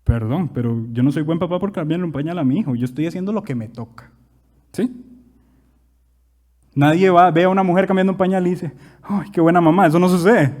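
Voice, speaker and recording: A young man with a Costa Rican accent preaching a sermon as pastor, animated, with big swings in loudness and rhetorical questions. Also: fairly high pitch, long reverb tail. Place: church.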